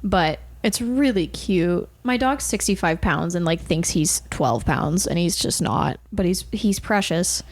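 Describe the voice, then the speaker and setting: A woman's voice: on the low side, expressive, measured pace, few pauses. A young woman co-hosting a podcast, chatting casually and animatedly with many filler words. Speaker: podcast co-host. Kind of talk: casual chat.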